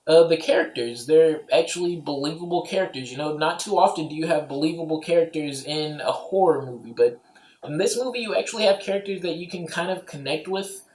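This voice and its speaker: Speaking a little fast in a fairly high, darkish voice, a man rambles through a casual movie review full of filler like "you know" and "like." The room is echoey and spacious, as in a home recording.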